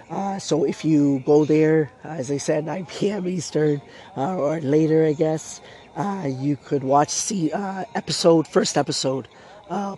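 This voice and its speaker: Outdoors in his backyard, a podcast host from Canada talks loosely on his solo show, his voice fading from a sore throat. He speaks fairly high with a darkish tone, wandering off track with many fillers and false starts as intro music runs underneath.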